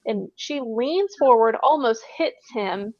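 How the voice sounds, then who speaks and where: A woman's voice: a little high, lively intonation, slow, darkish tone, dry recording. Woman on a dull, dry line. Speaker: paranormal investigator. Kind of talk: casual storytelling in an interview. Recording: dull, dry remote audio.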